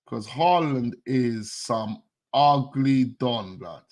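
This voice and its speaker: A man hosting a live stream, chatting in loose slang and breaking into laughter. His pitch sits in the middle, neither deep nor high, and his delivery stays playful and offhand. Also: animated, drawn-out words, a little mellow. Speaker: host of a fan channel stream. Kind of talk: casual live-stream chat.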